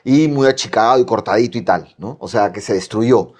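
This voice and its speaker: A man's voice: lowish voice, moderate pace, a little mellow. A man hosting a political discussion, conversational, agreeing with his guest and summing up his points. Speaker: host.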